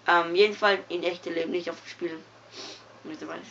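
A young woman giving casual, excitable commentary while playing a game, mumbling one moment and yelping the next. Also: lowish voice, normal speed, vocal fry. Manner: excitable, giggly, swings from mumbling to loud yelps. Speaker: gamer. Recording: dull lo-fi home recording with faint noise.

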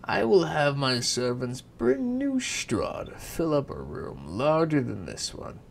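A man's voice: on the high side, wildly swooping pitch, slow, gravelly, exaggerated voice. A man voicing a pompous, greedy king who barks orders. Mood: gloating.

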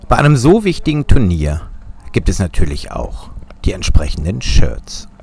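A man's voice: sits low, very animated, moderate pace, darkish tone. A German man narrating a sailing vlog in a wry, dryly humorous voice-over.

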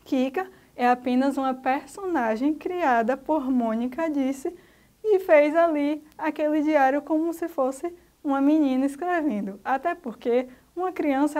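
A Brazilian woman with a high voice teaches a recorded lesson for young pupils. She goes patiently through each example, step by step. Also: mellow. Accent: Brazilian Portuguese. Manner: patient, explaining step by step to children. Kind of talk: recorded remote school lesson.

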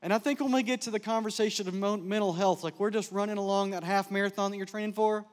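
A middle-aged man telling stories in a chapel talk, animated and joking with the audience. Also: high voice, fast talker. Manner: animated storyteller, jokes and laughs with the crowd. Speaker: speaker, counselor. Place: large chapel. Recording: long hall reverb.

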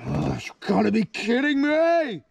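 Guy doing a loud bossy pig king for a plush puppet cartoon, high voice that swings all over, yells and brags. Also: wildly swooping pitch, unhurried, gravelly, a little hiss or hum, full character voice. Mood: irritated. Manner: yelling, insulting, pompous. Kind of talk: plush puppet comedy voice acting.

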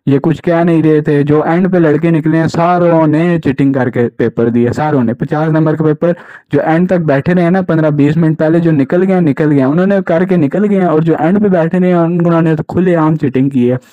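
A man's voice: fairly high pitch, a little fast, no echo. A young man, indignantly recounting his experience as a jobs channel host and often checking in with "right?". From Pakistan. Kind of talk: casual first-person account to camera. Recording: dull lo-fi recording.

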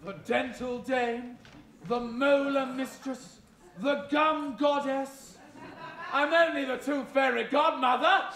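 A man's voice: very high voice, fairly even intonation, a bit bright, full character voice. A man playing a flamboyant, boastful tooth fairy godmother as a pantomime dame, theatrical and grandiose, with a sinister edge. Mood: grand, exuberant. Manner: theatrical, grandiose, drawn-out delivery. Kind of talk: live stage pantomime monologue with audience banter. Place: large theatre stage, indoors. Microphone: distant camera in the audience. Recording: echoey noisy theatre recorded from the audience.

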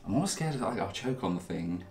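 A channel host eats his way through a casual spicy food challenge video, chatting in a self-deprecating way and talking with his mouth full. His voice is fairly low and darkish, very animated and fast. The sound is roomy, with soft background music.

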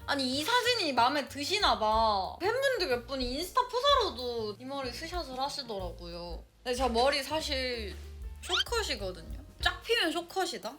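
A young woman streamer chatting casually, reacting with quick exclamations and teasing remarks. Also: high-pitched, wildly swooping pitch, fairly bright tone. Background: background music.

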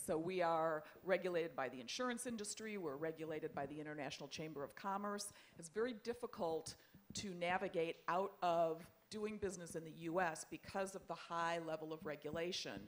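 Low-pitched businesswoman on a panel. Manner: measured business talk. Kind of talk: panel discussion.

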